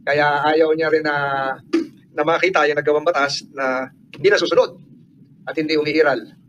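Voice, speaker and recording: A man chairing a hearing, asking formal, measured questions with polite hesitations. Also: a little high, steady tone, background noise. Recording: slightly muffled hearing audio.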